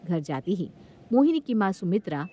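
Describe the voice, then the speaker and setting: Woman telling a moral story, steady scripted narration. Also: fairly low pitch, normal speed.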